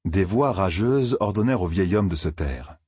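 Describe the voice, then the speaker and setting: A man narrates an audiobook in a steady, measured way. His voice sits very low and husky, recorded dry and close. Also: dry recording.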